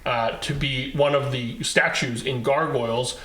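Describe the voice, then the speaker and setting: A man co-hosting a casual movie podcast, animated and quick to laugh, often trailing off and restarting. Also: medium pitch, roomy sound, rough recording. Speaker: podcast co-host. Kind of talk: casual chat.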